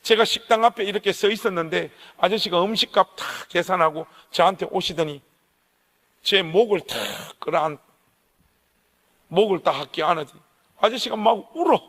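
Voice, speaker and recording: A man preaching at a revival service who tells a story with a fairly high voice and lots of feeling. He acts out what people said as he goes. His voice rings through a church hall with a long reverb tail. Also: normal speed, a bit bright. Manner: emotional, vivid storytelling with acted quotes. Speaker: pastor. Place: church sanctuary.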